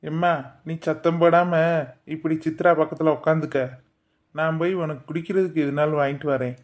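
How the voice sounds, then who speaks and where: Woman doing a soft-spoken young husband, lowish mellow voice, madurai accent. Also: steady tone, a little fast, natural voice. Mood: soothing. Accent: Madurai Tamil. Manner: soothing, pleading. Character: young husband, mild and dutiful son. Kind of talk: cartoon voice acting.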